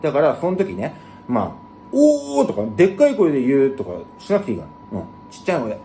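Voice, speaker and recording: Animated man with rough slangy talk. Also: rapid-fire, a little hiss or hum. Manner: blunt, rough slangy talk with big jumps in pitch. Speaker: channel host. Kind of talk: casual monologue to camera.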